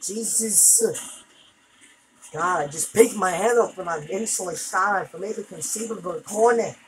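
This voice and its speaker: A woman's voice: mid-range voice, a little slow, a little hiss or hum, rough recording. A woman commenting on her gameplay as she plays, frustrated, exclaiming and cursing at the game. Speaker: gamer.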